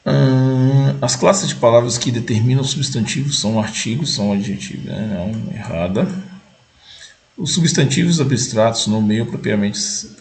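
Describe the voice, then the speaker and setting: A man's voice: mid-range voice, moderate pace, creaky. A man, casually walking through exam questions, reading them aloud and checking each answer as he goes. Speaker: exam-prep video host.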